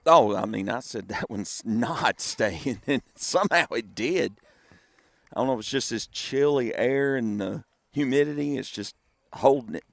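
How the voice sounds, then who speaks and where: A man's voice: mid-range voice, measured pace, vocal fry, fairly bright tone, no echo. A man giving casual, folksy color commentary on a live baseball game. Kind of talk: conversational live sports commentary.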